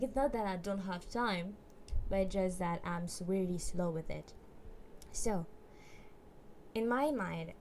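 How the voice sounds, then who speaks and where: A woman's voice: medium pitch, dark tone, slight background noise. A woman streaming live, chatting casually and hesitantly with many fillers and restarts. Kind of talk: casual livestream chat.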